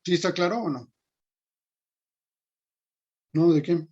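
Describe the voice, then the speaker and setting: A man's voice: fairly high pitch, takes it slowly, darkish tone, highs cut off, slight background noise. A man teaching an online engineering class, thinking aloud and muttering to himself as he works on screen. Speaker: engineering lecturer.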